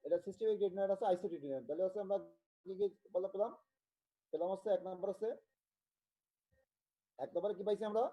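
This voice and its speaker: A man from Bangladesh giving an online medical tutorial, talking haltingly and repeating himself as he checks in with students. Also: sits high, dark tone, poor audio. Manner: halting, repetitive, with many restarts and check-ins. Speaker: medical lecturer.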